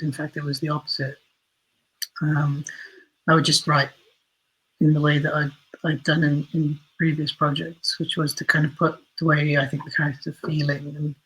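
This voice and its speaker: A man with a husky, slightly high voice appears as a guest in a reflective interview; he writes and creates audio dramas. His intonation is fairly even as he works through his thoughts, frequently correcting his wording. The recording is rough.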